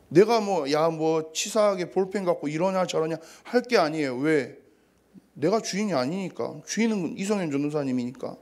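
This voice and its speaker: A man in his thirties, a youth pastor, giving a casual, story-filled sermon to teenagers. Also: a little high. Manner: casual storytelling with acted quotes.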